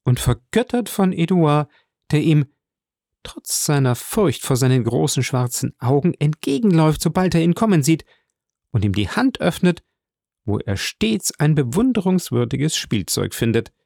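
A man's voice: fairly high pitch, sing-song, normal speed, vocal fry, a little mellow, dry recording, clean studio sound, pitched above the performer's own voice, heavily acted. A man doing an anxious young woman in love. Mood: agitated. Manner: pleading, emotional.

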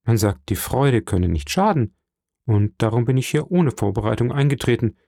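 A man reading an audiobook, voicing an earnest young sailor who talks excitedly to his father. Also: mid-range voice, normal speed, creaky, no echo, studio quality. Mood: eager. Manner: excited, pleading, raised voice. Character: eager young male sailor, earnest and devoted. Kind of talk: audiobook character voice.

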